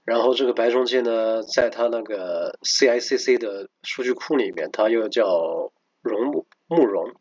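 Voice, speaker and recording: Low, slightly husky man commenting casually. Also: a little mellow, no echo. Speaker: narrator commenting on recorded calls. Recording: slightly dull, muffled recording.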